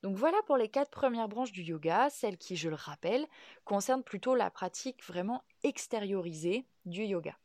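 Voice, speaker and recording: Woman podcast host, calm, measured teacher, dry close sound. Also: mid-range voice, no echo. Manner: calm, measured, with frequent "euh" and "donc". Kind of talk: explanatory podcast monologue.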